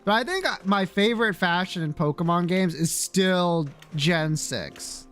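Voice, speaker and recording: Faint music plays behind a male livestreamer who reacts to his viewers while gaming, his talk casual, blunt, slangy, sweary, and playfully opinionated. He speaks a little slowly in a high, expressive, slightly bright voice.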